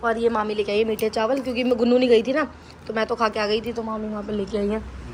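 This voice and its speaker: A young woman with a fairly high voice runs a chatty home vlog and keeps speaking directly to her audience. She sounds lively and unscripted. The recording was made on a phone camera indoors, with clear household noise underneath. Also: fast, poor audio. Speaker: family vlogger. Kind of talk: casual vlog chat to viewers.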